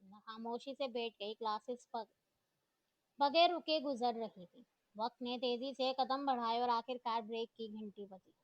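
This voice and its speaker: A woman narrating a novel in a steady storytelling manner. Her voice sits a little high. The recording is dull, lo-fi and completely dry. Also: measured pace, no echo. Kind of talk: reading a novel aloud.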